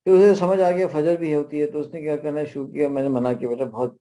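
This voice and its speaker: A middle-aged man with a Pakistani accent, pitched a little high, leads a workshop in an easygoing, storytelling way. His tone is mellow and soft-edged. He often breaks off into asides. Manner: conversational, anecdotal, with frequent asides. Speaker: parenting workshop speaker. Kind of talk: workshop lecture.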